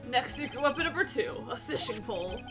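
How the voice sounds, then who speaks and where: A woman reading the lines of a gruff, loyal male police detective aloud while playing a game, with a folksy habit of calling everyone pal. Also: high-pitched, expressive, brisk, over music.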